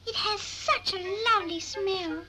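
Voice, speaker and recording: Sweet, hapless rag doll girl for children's puppet show: plaintive, genteel, very high, unhurried. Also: loud music behind the voice, low-quality recording.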